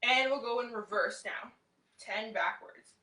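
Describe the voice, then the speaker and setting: A young woman fitness instructor with a bright, higher-pitched voice, cueing moves and encouraging her class as she exercises. She is recorded from across a small, echoey room at home. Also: measured pace. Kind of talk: live home workout class instruction, counting reps. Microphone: far camera across the room. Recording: roomy echo, distant camera mic.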